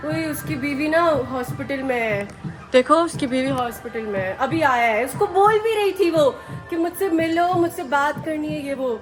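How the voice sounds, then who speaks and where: A woman's voice: high voice, animated, moderate pace, music in the background. A young woman vlogging at home in casual chat, talking chattily and mixing English phrases into her speech. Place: home, getting ready.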